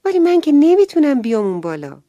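Woman playing a little boy, high childlike voice, eager, storybook, lively. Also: no echo, highs cut off. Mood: pleading. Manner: raised childlike pitch, excited.

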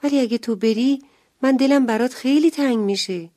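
A woman voicing a sweet, eager little boy in a children's story, pitching her voice up and sounding excited. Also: no echo, studio quality, lightly acted. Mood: pleading.

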